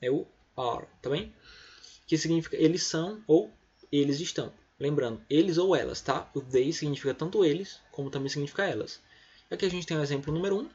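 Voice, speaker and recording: A man with a Brazilian Portuguese accent walks his pupils through English grammar patiently and step by step. His voice is a little husky. The recording sounds dull and lo-fi, as if made on a computer mic. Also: a little high, fairly quick, a little mellow. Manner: patient, explains step by step, often adds "tá?" and "né?". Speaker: English teacher. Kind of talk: recorded remote lesson.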